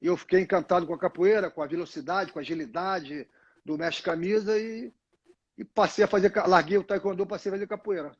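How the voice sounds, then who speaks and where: High-pitched and fast, the voice belongs to an older Brazilian retired fighter guesting on a casual live interview. He tells long stories in a rambling way, restarting often and adding "né?" tags, while a phone on a tripod records him in dull lo-fi quality.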